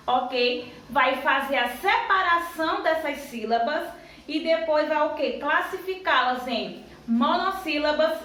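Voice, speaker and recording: A woman teaching a lesson to young children. She asks questions and answers them herself, and she counts syllables aloud slowly. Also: sits high, a bit bright, slight background noise. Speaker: primary school teacher. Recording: very echoey room, voice far from the mic.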